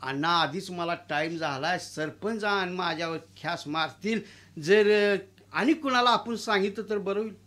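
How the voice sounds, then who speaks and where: Storytelling: a man doing a meek male peon, soft pleading voice. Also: sits high, fairly quick. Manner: timid, pleading.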